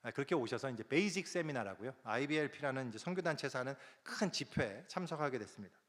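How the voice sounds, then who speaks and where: Man, pastor, sermon storytelling, animated quoted dialogue, medium pitch, long church hall echo. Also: quick pace. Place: large church sanctuary.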